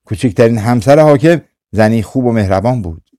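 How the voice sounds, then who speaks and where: A man reading a folktale aloud for an audiobook in a calm, measured storytelling manner. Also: mid-range voice, no room sound, studio quality. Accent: Persian. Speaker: audiobook narrator. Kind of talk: scripted storytelling narration.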